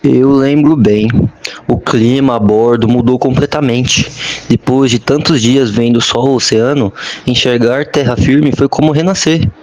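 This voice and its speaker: A man's voice: mid-range voice, fairly even intonation, darkish tone, lightly acted. A young man playing an earnest old sailor. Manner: earnest, slightly halting. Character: male Portuguese ship maintenance sailor, earnest. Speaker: interviewee. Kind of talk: school podcast role-play.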